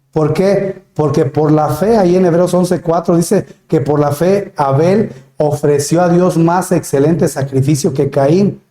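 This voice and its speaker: A man's voice: fairly high pitch, dark tone, echoey room. A man with a Mexican Spanish accent preaching a sermon as pastor, earnest and questioning, often calling listeners brother. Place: church.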